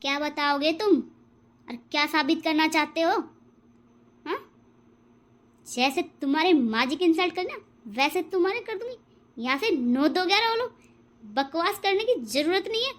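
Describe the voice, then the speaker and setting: A high-voiced younger daughter-in-law in a cartoon family drama. She speaks boldly and stands her ground. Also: animated, normal speed, long pauses. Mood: defiant. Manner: bold and defiant, later apologetic.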